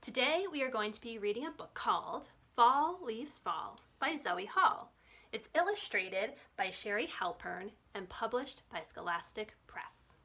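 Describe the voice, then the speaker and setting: A children's librarian reads a picture book aloud to young children in an expressive storytime style, asking them questions along the way. Her voice sits a little high, and she takes her time.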